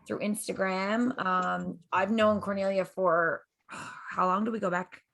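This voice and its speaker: A woman co-hosting a podcast in casual chat, her voice hoarse and gravelly, laughing often. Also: medium pitch, fairly even intonation, measured pace, a bit bright. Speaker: podcast co-host.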